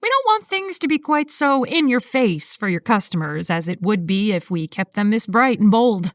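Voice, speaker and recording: A woman voicing a brisk, purposeful female interior designer with a slight Texan accent. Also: medium pitch, sing-song, no echo, clean studio sound, lightly acted. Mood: bustling. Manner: upbeat, bustling.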